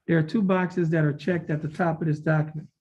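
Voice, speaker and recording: A male judge conducting a formal plea hearing in a courtroom recording, reading documents aloud in a measured, formal way. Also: on the high side, flat delivery, a little mellow. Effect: courtroom recording heard over a video call. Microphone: video call. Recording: dull lo-fi courtroom audio with faint hiss.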